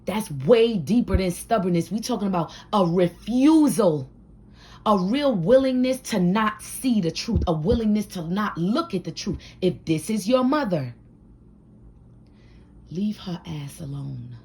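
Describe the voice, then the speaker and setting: In a fiery motivational talk to camera, a woman bluntly preaches hard truths to the viewer from a room at home with a door. She has a mid-range, darkish, scratchy smoker's rasp, lively intonation and a moderate pace, giving life advice in a preachy tone.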